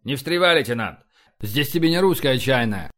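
A man voicing a gruff, sardonic rear admiral who scolds and mocks. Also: medium pitch, expressive, normal speed, lightly acted. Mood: scolding. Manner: brusque, mocking, loud outbursts.

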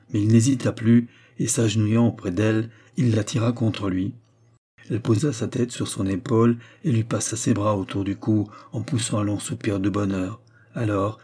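Guy reading an old novel aloud, dark mellow voice, a bit husky. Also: on the low side. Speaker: audiobook reader. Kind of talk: scripted narration.

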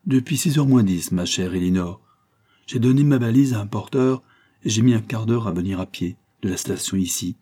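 A man's voice: fairly low pitch, moderate pace, warm tone, slightly rough. A man reading the part of a bitter, impassioned young lawyer husband in an audiobook, pleading and reproachful. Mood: cool. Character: brooding young male lawyer, wounded husband.

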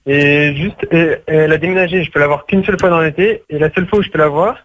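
A man's voice: on the high side, quick pace, fairly bright tone, dry recording. A young man calling a radio show, hesitant and sheepish, with many fillers, over a phone line. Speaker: caller.

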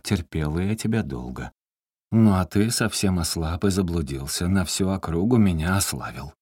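A man reads a first-person story aloud with a very deep, low voice. He reads expressively and lifts his pitch sharply for heated quoted lines. The recording is dry and close, with no room sound. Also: no echo. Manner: expressive reading, rising sharply in quoted outbursts. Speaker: audiobook reader.

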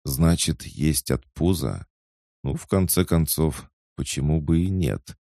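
A man's voice: extremely low pitch, lively intonation, a little slow, vocal fry, dark tone, no room sound, studio quality, voice pushed up, heavily acted. A man voicing a curious, easygoing young boy hero in an audiobook, speaking plainly and directly.

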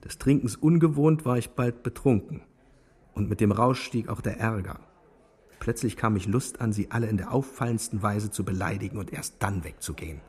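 A man's voice: fairly low pitch, moderate pace, a little mellow, slightly rough. A man narrating a radio play with a brooding, bitter manner.

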